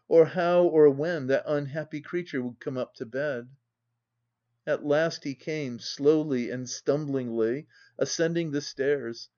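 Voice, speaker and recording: A man narrating a classic novel as an audiobook reader, in a measured, dramatic reading. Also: fairly high pitch, mellow, dull audio. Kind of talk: scripted narration.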